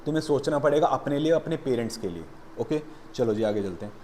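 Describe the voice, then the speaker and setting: This accountancy teacher talks fast and animatedly in a medium-pitched, dark-toned voice, with a bit of hiss or hum in the background. Addressing students as "beta," his classroom lecture blends explanation and blunt, motivating scolding.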